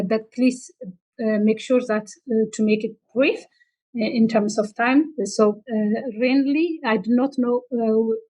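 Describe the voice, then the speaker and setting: A woman's voice: fairly high pitch, darkish tone, poor audio. A woman moderating an online workshop in a polite, hesitant way. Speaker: webinar moderator.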